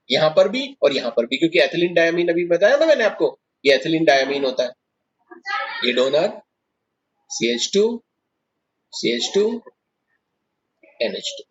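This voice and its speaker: A man's voice: fairly high pitch, highs cut off, a little hiss or hum. A man teaching chemistry in a classroom lecture, explaining step by step and putting questions to his students.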